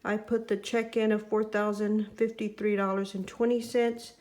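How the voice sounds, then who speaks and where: A middle-aged woman with a squeaky voice talks casually through household finances, thinking aloud in a halting way. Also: level tone, darkish tone. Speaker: budget vlogger.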